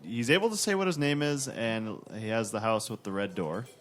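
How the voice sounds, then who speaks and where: Low-voiced, easygoing man recapping plot. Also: fairly quick, fairly bright tone. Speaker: podcast co-host. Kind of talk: casual TV recap chat.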